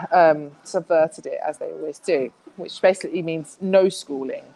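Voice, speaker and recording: A woman's voice: low-pitched, unhurried, gravelly, darkish tone, husky, rough recording. A woman speaking as a guest in a casual interview, chatty, with many restarts and fillers.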